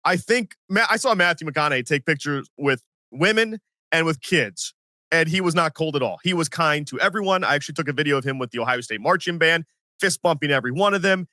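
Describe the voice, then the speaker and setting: A man in his forties hosting a sports podcast, telling stories in an animated, self-mocking way and acting out what others said. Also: on the high side, a little fast, no room sound, clean studio sound. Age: 40s. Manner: animated, self-mocking storyteller who acts out quotes. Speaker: podcast host. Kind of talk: casual sports podcast storytelling.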